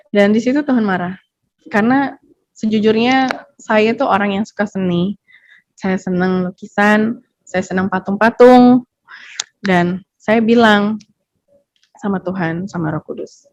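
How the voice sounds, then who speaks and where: Slow, halting woman telling her testimony. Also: medium pitch, no echo. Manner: slow, halting storytelling with many fillers. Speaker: testimony guest. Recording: dull, dry sound.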